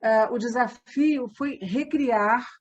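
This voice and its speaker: A woman from Minas Gerais, Brazil, who writes radio drama and designs sets, answers interview questions as a guest. Her voice is a little high and slow, and she speaks conversationally, reflecting and going into detail. The recording has its highs cut off.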